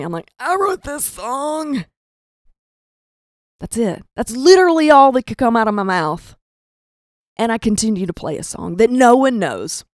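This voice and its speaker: Young woman doing stand-up storytelling, self-deprecating, acts out voices, very expressive. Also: medium pitch, no echo, studio quality. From rural American South. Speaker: comedian storyteller. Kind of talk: comedic storytelling.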